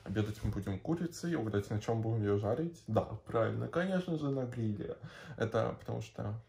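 A man's voice: on the low side, lively intonation, a little fast, creaky, mellow. A young man chatting casually and slangily in a rambling video diary. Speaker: vlogger. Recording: faint background noise with clicks.

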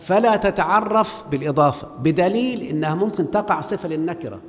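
In a large mosque, a man with an Egyptian accent gives a lesson on Arabic grammar and draws answers from his students through call and response. His voice sits high and sounds animated, moving at a slightly quick pace. Long hall reverb and faint background noise mark the recording.

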